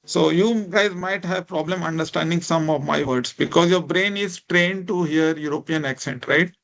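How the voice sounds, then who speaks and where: Over dull audio, a man with a fairly high, gravelly, fairly bright voice speaks at normal speed. He is an Indian lecturer and speech technology researcher whose first language is a minority language of India, teaching online in accented English in a casual, encouraging way and repeating "right?" and "you know."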